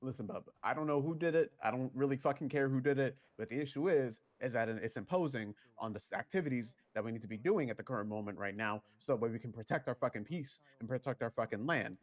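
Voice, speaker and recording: A man talking quickly and bluntly, peppering every sentence with swear words as he presses for help. His voice sits at an ordinary middle pitch. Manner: blunt, swears constantly, demanding. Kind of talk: in-character roleplay argument.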